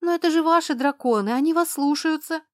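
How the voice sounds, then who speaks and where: A woman reading an audiobook, voicing a frightened, timid young woman who squeaks her words out in a nervous, halting way. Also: flat delivery, darkish tone, no echo, clean studio sound. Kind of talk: audiobook character voice.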